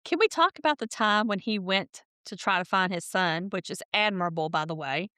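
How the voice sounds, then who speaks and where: A woman's voice: medium pitch, a little fast, sharp tone, dry recording. Chatty woman podcast co-host, dry sound. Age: older than her co-host. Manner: chatty, laughs often while telling stories. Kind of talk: casual chat.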